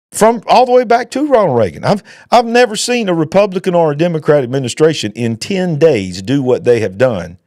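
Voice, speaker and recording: Man, fifties, preacher-like emphasis, a bit high-pitched, dry close sound. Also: darkish tone, dry recording. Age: 50s. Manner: emphatic, preacher-like, rising to exclaim. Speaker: pastor and news show host. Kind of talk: opinionated commentary.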